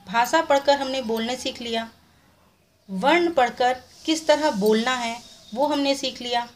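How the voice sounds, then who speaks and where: A woman's voice: high-pitched, a little hiss or hum. A woman teacher giving a recorded revision lesson, explaining step by step and answering her own questions. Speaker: Hindi teacher.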